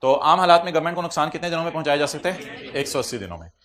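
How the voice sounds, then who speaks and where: A man's voice: on the high side, lively intonation, very fast, a bit bright. A man with a Pakistani Urdu accent giving a tax lecture to a class, teasing students, quizzing them and mixing English phrases into his Urdu.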